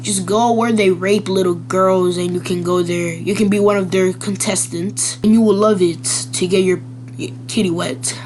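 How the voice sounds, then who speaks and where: A woman's voice: medium pitch, steady tone, normal speed, a little mellow, faint music behind. A woman hosting a reaction video in casual, blunt and crude commentary, rambling with lots of fillers.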